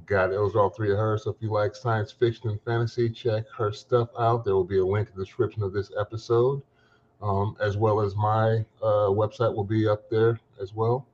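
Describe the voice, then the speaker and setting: A man's voice: fairly low pitch, little pitch movement, moderate pace, darkish tone, dull audio, slight background noise. A man co-hosting a podcast, chatting casually and thinking aloud with many fillers. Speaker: podcast co-host. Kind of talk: casual chat.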